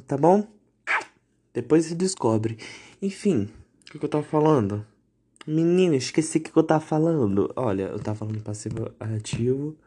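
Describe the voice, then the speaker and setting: A young man hosting a podcast, delivering an indignant, sarcastic, swear-filled rant with big pitch swings. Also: mellow, breathy edge. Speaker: podcast host. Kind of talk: ranting podcast monologue.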